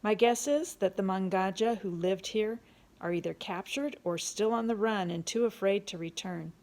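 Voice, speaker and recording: A woman voicing a steady, determined male doctor-explorer who talks earnestly and reasons with others. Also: medium pitch, moderate pace, natural voice. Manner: earnest, reasoning, peace-seeking.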